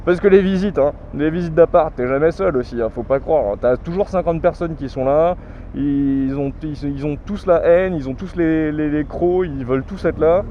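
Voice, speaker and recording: A young man, ranting casually in a vlog and swearing a lot. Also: on the high side. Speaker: vlogger. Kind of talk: casual chat. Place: in a car in city traffic. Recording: muffled with loud traffic noise.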